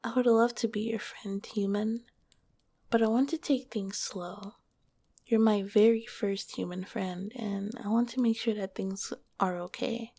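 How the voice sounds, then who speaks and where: In an ASMR roleplay, a woman voices a kind slime monster girl in a soft, breathy whisper right up against a close microphone. Her mid-range tone is mellow and dark with a gravelly edge, and her intonation is fairly even. She speaks gently, hesitantly and a little slowly, sounding shy.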